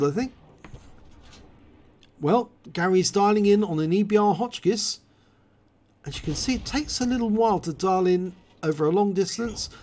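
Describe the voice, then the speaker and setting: With a voice gone hoarse from a cold, a high-pitched man calmly explains and calls the action in a video game replay.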